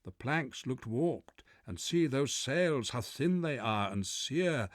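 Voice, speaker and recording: A man's voice: mid-range voice, animated, slow pace, dry recording, pitched above the performer's own voice. Hearty old hermit for verse storytelling, acted by a man: pious, exclamatory, commanding, very dry close sound. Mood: wondering. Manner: exclamatory, archaic wondering speech.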